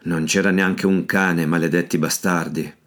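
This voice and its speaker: A surly old man growls his blunt words, read by a man in a deep, low voice. He sounds suspicious and short-tempered throughout. It is an audiobook reading. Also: fairly even intonation, normal speed, fairly bright tone. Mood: bitter.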